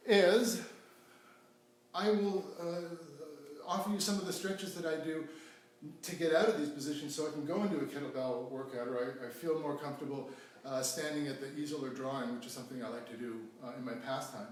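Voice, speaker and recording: A man teaching self-stretching at home, explaining as he demonstrates, with frequent restarts and fillers. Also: fairly high pitch. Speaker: stretching instructor. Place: home room during self-isolation. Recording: echoey room, mic at a distance, faint hum.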